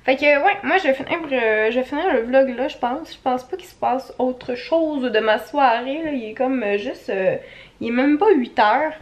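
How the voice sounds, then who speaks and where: A woman's voice: high-pitched, normal speed. A Québécois woman casually vlogging at home on her couch, chatty, laughing often and cooing at her dog. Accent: Québécois French. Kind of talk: casual home vlog talk.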